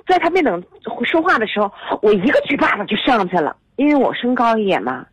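Forties woman radio caller, husky, lively pitch, upset storyteller, dull phone sound. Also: fast talker, no echo. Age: 40s. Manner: tearful, agitated storytelling. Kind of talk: emotional phone-in confession.

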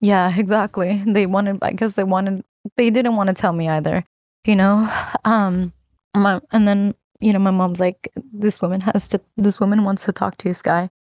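A woman's voice: medium pitch, fairly even intonation, normal speed, darkish tone, no echo. A woman telling a personal story in casual chat, rambling and earnest, full of "like" and "you know". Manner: earnest, emotional recounting with sighs.

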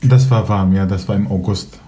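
Mellow-voiced man of thirty from Syria. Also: sits low, steady tone. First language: Kurdish. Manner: fast-talking, earnest, recounts at length. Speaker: interview guest. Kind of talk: conversational storytelling.

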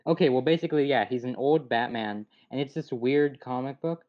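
A man's voice: medium pitch, fairly quick. A young man chatting casually, rambling and laughing at himself as he loses his train of thought, on a dull lo-fi recording. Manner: rambling, laughing, self-deprecating. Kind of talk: casual chat. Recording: dull lo-fi sound.

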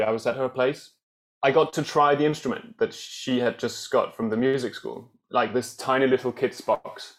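A man from Denmark, a guest accordionist on a podcast, telling his story thoughtfully with many fillers and restarts. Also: mid-range voice. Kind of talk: podcast interview.

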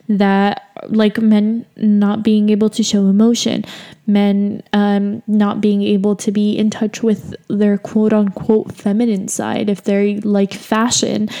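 A woman's voice: medium pitch, mellow. A young woman from the United States hosting a solo podcast, talking casually and candidly with lots of filler words. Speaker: podcast host.

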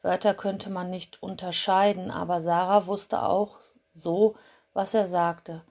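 A woman reading a children's Christmas story aloud in a calm, gentle way. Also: fairly low pitch, takes it slowly. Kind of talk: storybook narration.

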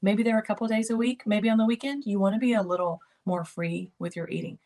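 A woman's voice: medium pitch, steady tone, fast talker, mellow. An older woman hosting a keto lifestyle channel, giving encouraging motivational talk to camera. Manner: encouraging, repetitive coaching phrases.

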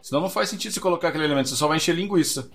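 A man's voice: on the high side, very fast, creaky, soft background music. Slangy man in a podcast chat. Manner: slangy, lectures about writing and narrative.

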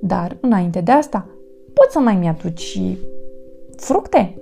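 A woman voicing a young, frightened male dinosaur in a storybook reading, with a raised, high voice. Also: sing-song, creaky, mellow, faint music behind. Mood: plain. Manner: high, crying out.

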